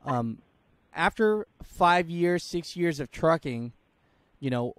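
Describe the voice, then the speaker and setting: A man's voice: a little high, expressive, takes it slowly, dry recording. A man in his thirties hosting an interview, talking with encouraging enthusiasm into a studio mic. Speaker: host. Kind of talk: casual interview talk. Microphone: studio mic with headphones.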